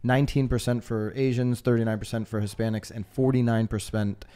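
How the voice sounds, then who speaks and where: A man co-hosting a podcast in relaxed, casual chat. His voice is mellow and smooth, and he lays out numbers in an energetic, conversational way. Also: mid-range voice, a little fast. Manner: energetic, presents statistics in a chatty way. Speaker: podcast co-host.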